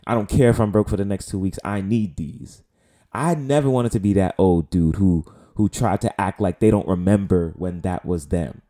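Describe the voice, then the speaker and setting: A man's low, mellow voice moves at a moderate pace as he hosts a casual solo podcast. In his late twenties and from the Bronx, he has a New York accent and a loose, profane style, rambling along with many fillers.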